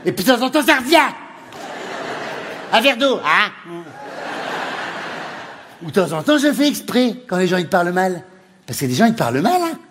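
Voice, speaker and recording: Man playing a camp male steward, northern French accent, sneering, high voice, long reverb. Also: very animated, moderate pace, pauses often, a bit bright, heavily acted. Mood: mocking. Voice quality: flamboyant, mocking, laughing. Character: camp sarcastic male flight attendant. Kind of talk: comic monologue. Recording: roomy reverb with faint ambience.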